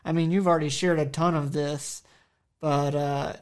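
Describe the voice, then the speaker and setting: A woman hosting a faith-based radio talk program and asking her guest gentle, searching questions. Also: low voice, steady tone, normal speed. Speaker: program host.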